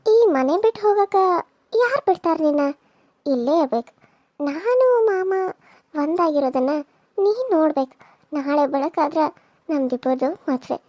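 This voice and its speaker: A woman's voice: lively intonation, moderate pace, long pauses, dry recording. A woman voicing a cruel, scheming young woman villain in a cartoon serial, with a sneering, menacing delivery. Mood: taunting. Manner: sneering, menacing, low and hushed.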